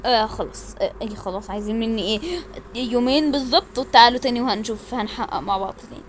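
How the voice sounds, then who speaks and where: A woman voicing a stern but unsure male judge in a toy-game story, speaking in a halting, hesitant way. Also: a little high, background noise, voice pushed down, lightly acted. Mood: weary, unsure.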